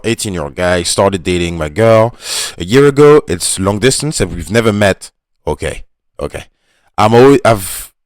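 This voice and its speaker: A man hosting his own video, reacting casually and unscripted to a post, in a halting, loose way with many fillers, calling people "bro". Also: deep voice, no room sound, clean studio sound. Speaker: YouTube host reacting to a reader's post.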